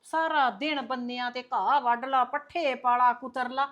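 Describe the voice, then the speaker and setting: A woman's voice: high-pitched, normal speed, a bit bright, muffled recording. A woman playing a scolding older woman. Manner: scolding, lecturing.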